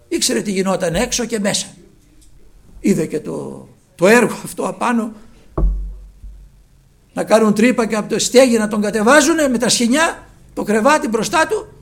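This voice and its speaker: High, gravelly man preaching a sermon. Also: expressive, pauses often. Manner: fervent preaching, phrases sinking to a hushed low close.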